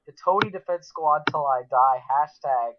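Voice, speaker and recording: A man's voice: on the high side, normal speed, highs cut off, background noise. A man co-hosting a podcast, chatting about a cartoon in an enthusiastic, rambling way with many fillers. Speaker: podcast co-host. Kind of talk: casual chat.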